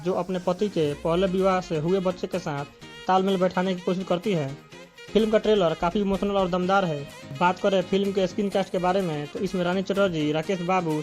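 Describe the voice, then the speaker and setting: High-voiced man reading a news voice-over. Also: darkish tone. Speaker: narrator. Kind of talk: scripted entertainment news voice-over.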